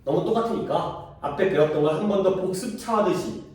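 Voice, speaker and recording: Speaking a little fast in a high, slightly mellow voice, a male cram school teacher runs a grammar lesson, quizzing his class and repeating key terms. The sound is echoey, his voice coming from far off in the classroom.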